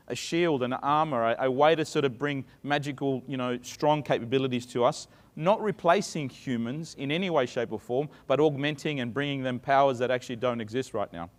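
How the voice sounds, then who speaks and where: A middle-aged conference speaker from Sydney talks fairly quickly in a medium-pitched voice with an Australian accent. Chatty and prone to fillers and restarts, he speaks from the stage in a reverberant hall.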